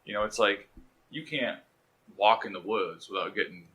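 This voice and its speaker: A young man from the Midwest with a bright, sharp-edged voice co-hosts a podcast in loose, joking chat. He keeps breaking into goofy put-on voices for laughs. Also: lowish voice, moderate pace, breathy edge. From American Midwest. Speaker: podcast co-host. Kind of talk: casual chat.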